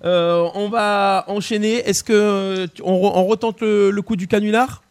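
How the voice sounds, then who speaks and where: A man's voice: sits high, steady tone, a little slow, clean tone. A man hosting a live show, running a song quiz and prank calls in a chatty way, often repeating himself and filling gaps with hesitations. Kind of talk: lively live-stream chat.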